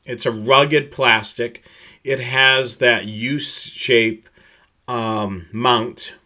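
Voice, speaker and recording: Going slide by slide, a man explains gear in a product tutorial. His delivery is steady and instructional but halting. He has a mid-range voice.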